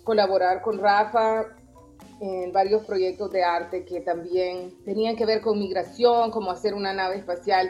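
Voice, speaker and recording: Speaking in a medium-pitched, slightly mellow voice, this Salvadoran woman, who is both a professor and an artist, responds to an interviewer with earnest thoughtfulness. She occasionally starts a sentence over, and the lo-fi recording sounds a bit dull.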